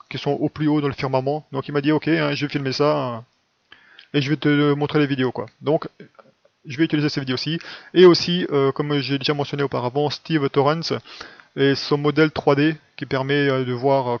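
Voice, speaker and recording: Medium in pitch, the man lectures conversationally in a religious video, frequently tacking on "hein" and "quoi" as he explains. Captured up close with no room sound, the audio is somewhat dull and lo-fi.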